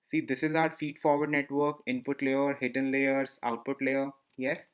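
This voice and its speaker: Over a screencast of slides, a male teacher talks through a lesson in a clean, mid-range voice with little pitch movement. He speaks at a moderate pace, says things more than once, and keeps asking his listeners questions.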